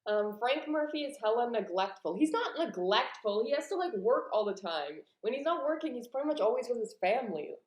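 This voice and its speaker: A young woman hosting a stream in a casual way, reading chat comments aloud and giving quick opinions. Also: a little high, big pitch swings. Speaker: streamer, host. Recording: echoey room.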